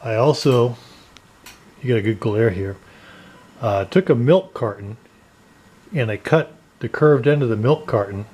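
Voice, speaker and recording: A man's voice: mid-range voice, a little slow, pauses often, a little mellow, husky. A man giving a casual tour of his basement workshop and talking through a model plane rebuild, rambling and correcting himself as he goes. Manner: rambling, self-correcting, matter-of-fact. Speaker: RC plane hobbyist.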